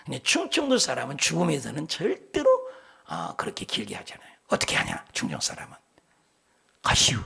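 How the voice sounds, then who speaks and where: Middle-aged male pastor with a rough, breathy voice and lively pitch, preaching with jokes and sudden whispers. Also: quick pace. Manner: animated preaching, drops to whispers for emphasis; tells folksy jokes between scripture points. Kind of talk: sermon.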